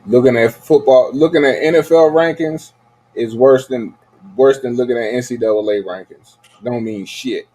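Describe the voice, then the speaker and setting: Man, casual sports chat, blunt, dismissive, swears, mid pitch. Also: moderate pace, mellow.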